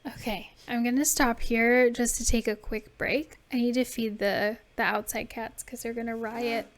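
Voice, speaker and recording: A woman streamer chatting casually and excitedly with her viewers. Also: a little high, normal speed.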